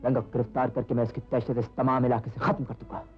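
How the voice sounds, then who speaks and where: A firm, deep police officer. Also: male voice, level tone, fast, a little mellow, slightly rough, faint music behind. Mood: resolute. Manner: firm, resolute. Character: determined male police officer. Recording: dull 1970s film soundtrack.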